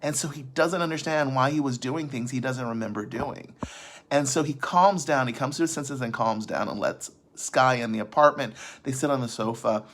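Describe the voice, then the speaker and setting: A man's voice: medium pitch, moderate pace, a bit bright. A man casually recapping a film's plot for his vlog audience, rambling, often restarting sentences and adding asides. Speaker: vlogger recapping a film.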